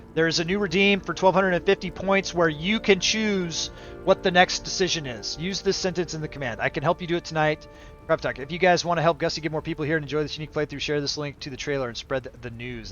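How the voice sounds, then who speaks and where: Higher-voiced middle-aged man streaming, dull mic. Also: a bit bright. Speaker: livestream host. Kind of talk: casual game stream chat. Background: game music.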